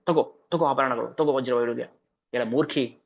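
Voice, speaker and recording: A man's voice: mid-range voice, fairly even intonation, a little fast, creaky, dull audio. A man voicing a proud queen who cheerfully showers gifts on her maid. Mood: delighted. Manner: delighted, lavish.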